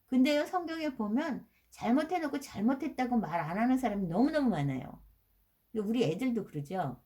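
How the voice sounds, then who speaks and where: A woman's voice: medium pitch, mellow. A middle-aged woman giving a casual Bible lesson, asking her listeners questions and dropping English words into her talk. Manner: conversational, asks rhetorical questions, mixes in English words. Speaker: Bible study teacher.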